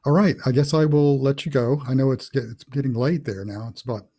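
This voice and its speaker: A man's voice: medium pitch, fairly even intonation, brisk, mellow. A middle-aged man, an author hosting a casual interview over a video call, thinking aloud with many fillers. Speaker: author and host.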